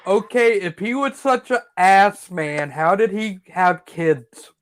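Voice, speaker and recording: Man, high voice, questioning, casual chat. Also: animated, slow, clear, resonant tone. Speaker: wrestling watch-along panelist.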